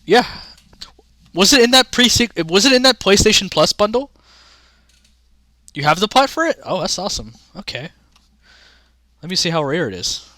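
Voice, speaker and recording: A man's voice: sits high, sing-song, normal speed, pauses often, pushed and bright, dry recording. A young man rambling casually to his chat during a livestream, often restarting sentences. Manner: rambling, chatty, talks to chat. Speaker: streamer.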